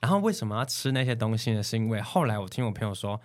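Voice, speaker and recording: A man with a Taiwanese Mandarin accent tells stories at a quick clip, his voice sitting a little low. He slips into the voices of the people he quotes. The sound is close and dry. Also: dry recording. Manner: animated, acts out quoted voices. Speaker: podcast guest. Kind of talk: casual storytelling chat.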